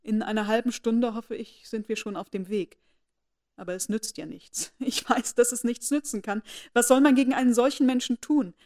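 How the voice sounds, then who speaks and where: A woman doing a shaken young lady from a storybook, urgent and faltering, near tears. Her voice rises in pitch and loudness as worry breaks through. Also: steady tone, moderate pace, close to an everyday voice. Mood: despairing. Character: distressed young lady, anxious for her sister.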